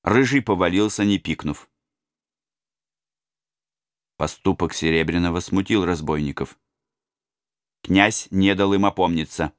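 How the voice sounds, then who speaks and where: Male audiobook narrator, slow, expressive, bright, dry studio sound. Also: low voice, no echo. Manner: dramatic, expressive. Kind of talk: scripted narration.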